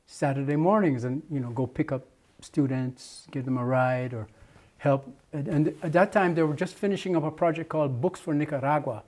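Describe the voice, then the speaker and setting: In an oral history interview, an aging Jamaican muralist looks back on his past at length, often restarting and leaning on fillers. He speaks at a moderate pace in a fairly high, somewhat mellow voice.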